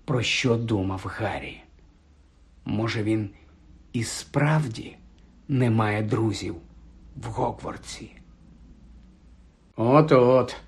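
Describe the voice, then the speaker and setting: A male audiobook narrator whose voice sits somewhat high for a man. He tells the story steadily and with expression. The scripted reading moves at an even pace.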